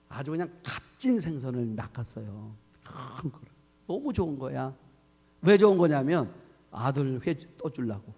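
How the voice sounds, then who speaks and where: Korean pastor preaching in an echoing hall. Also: male voice, mid-range voice, a little mellow, husky. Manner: storytelling, acts out dialogue, asks the congregation questions. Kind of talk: sermon. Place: church sanctuary. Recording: long church hall reverb.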